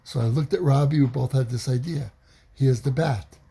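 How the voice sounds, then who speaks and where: Brief: man, personal storyteller, mellow husky voice, lively delivery. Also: medium pitch, moderate pace. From New York City. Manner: animated, acts out quoted voices.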